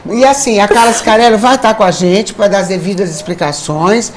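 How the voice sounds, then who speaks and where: A woman hosting a TV talk show, chatting warmly and teasing her guest with effusive praise. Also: medium pitch, a little fast, heavy background noise. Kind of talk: casual TV chat.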